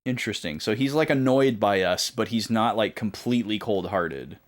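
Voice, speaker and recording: A man's voice: on the low side, expressive, moderate pace. A man streaming a video game, thinking aloud and joking as he takes notes. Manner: thinking aloud, jokey, note-taking. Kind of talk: casual gameplay commentary.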